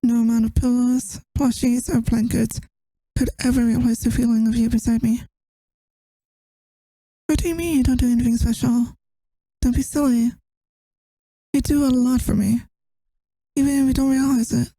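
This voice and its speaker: A woman's voice: fairly high pitch, steady tone, moderate pace, long pauses, no room sound, low-quality recording. A woman playing a tired, affectionate girlfriend who misses her partner, in a tender, intimate ASMR role-play. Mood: tender, longing. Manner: tender, intimate, soft-spoken.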